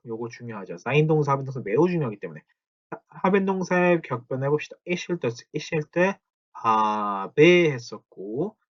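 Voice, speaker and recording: A man teaching a German grammar lesson, drawing out German example sentences slowly between explanations. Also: medium pitch, lo-fi sound. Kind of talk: spoken grammar lesson at a whiteboard.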